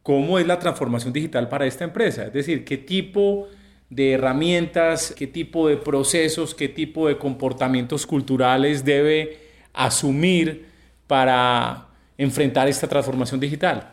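A man's voice: mid-range voice, normal speed. A man interviewing a business guest, asking questions and often rephrasing the guest's points.

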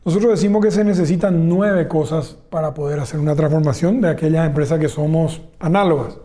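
A man's voice: fairly high pitch, fairly quick, dark tone. A man, a telecom executive in a business interview, laying out his points one by one. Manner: explains point by point, enumerating pillars.

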